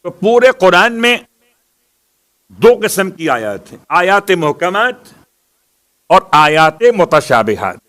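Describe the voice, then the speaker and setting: Male preacher, higher register, rhetorical sermon delivery with emphatic recitation. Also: big pitch swings, pauses often, a bit bright. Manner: rhetorical, poses questions and answers them; recites Arabic verses with rising emphasis. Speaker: Shia preacher. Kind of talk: religious sermon.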